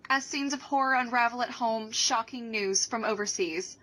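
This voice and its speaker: An actress voicing a female radio news anchor reading emergency bulletins in a measured newsreader style. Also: fairly high pitch, rough recording. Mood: grave. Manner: measured newsreader delivery, softening into gentle pleas. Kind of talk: scripted news broadcast in a game.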